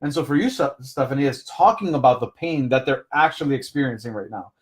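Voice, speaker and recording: Animated and brisk, a man with a mid-range voice coaches people on business in a live session. His explanations are casual and draw on his own examples, with constant "right?" check-ins.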